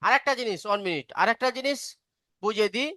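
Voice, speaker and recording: A woman's voice: on the high side, brisk, sharp tone, no room sound, clean studio sound. A woman teaching a beginner reading class online, patiently explaining step by step and asking if students follow.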